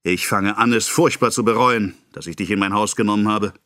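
A man's voice: fairly high pitch, expressive, takes it slowly, bright, forceful tone, no echo, clean studio sound, voice pushed up, heavily acted. A man playing a pompous raging apothecary. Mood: scolding. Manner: ranting, scolding, self-important. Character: pompous excitable middle-aged male apothecary. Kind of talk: audiobook character voice.

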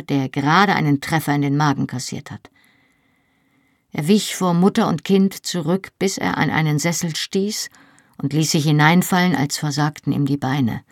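A woman narrating a novel in a calm, measured storytelling voice. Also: low-pitched, dry recording, studio quality. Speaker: audiobook narrator. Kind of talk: scripted narration.

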